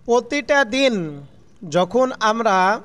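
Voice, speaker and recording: A man's voice: very high voice, lively intonation, very slow, fairly bright tone. A man teaching children a religious lesson, asking questions and answering them himself in a falling tone, call-and-response style.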